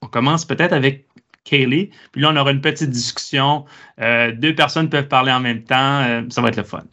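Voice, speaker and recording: A man hosting a discussion, asking students measured, inviting questions. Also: mid-range voice, fairly even intonation, pushed and bright. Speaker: host. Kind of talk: hosted discussion. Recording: dull lo-fi sound.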